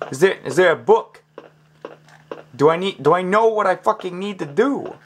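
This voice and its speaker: Lively, cursing gamer man. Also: high voice, measured pace. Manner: frustrated, swearing, talking to himself. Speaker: gaming channel host. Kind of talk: let's play commentary.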